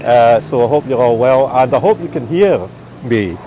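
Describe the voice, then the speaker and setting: A man with a Scottish accent gives an informal, halting live walking-tour commentary as a guide outdoors. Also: mid-range voice, lively intonation, warm tone, low-quality recording. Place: outdoors on a rainy city street. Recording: outdoor street noise, passing traffic.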